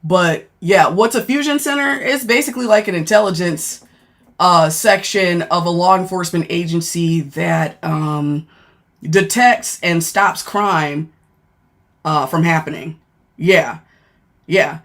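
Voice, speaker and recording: Reading through comments on her casual livestream, a deep-voiced woman who used to work in law enforcement speaks a little slowly. Her manner is frank and blunt, and she breaks off mid-sentence to thank viewers.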